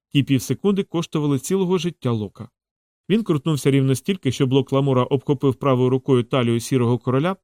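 A man reading a fantasy audiobook aloud in dramatic, measured scripted narration. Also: medium pitch, darkish tone, dry recording, studio quality.

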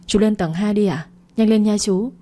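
A woman's voice: mid-range voice, moderate pace, dark tone, lightly acted. A woman voicing a bold defiant young woman. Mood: urgent.

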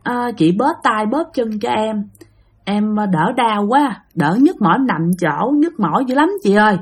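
A woman's voice: medium pitch, expressive, a little slow, husky. A woman voicing a frail but lucid elderly grandmother who speaks in a tender, pleading tone.

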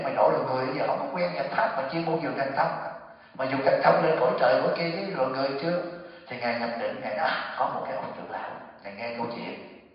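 A man giving a Buddhist dharma talk, telling a story in a conversational way with asides to the listeners. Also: mid-range voice. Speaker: Buddhist monk teacher. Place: temple hall. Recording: echoey hall from far off, dull.

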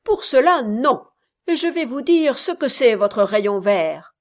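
A pompous male scholar who insists on explaining everything, as a woman reads him aloud. He talks slowly and lectures in a fairly high voice. The storybook reading is measured. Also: lively intonation. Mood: insistent.

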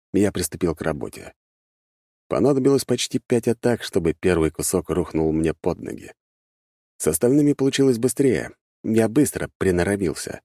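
Deep dark-voiced male narrator. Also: no room sound. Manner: measured, wry storytelling. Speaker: audiobook narrator. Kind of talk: scripted first-person fantasy narration. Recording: dry close studio sound.

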